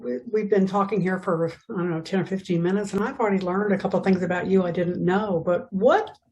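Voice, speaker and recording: A woman's voice: fairly low pitch, gravelly, a little mellow, poor audio. A woman interviewing a fellow church member, asking friendly, encouraging questions. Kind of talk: casual interview.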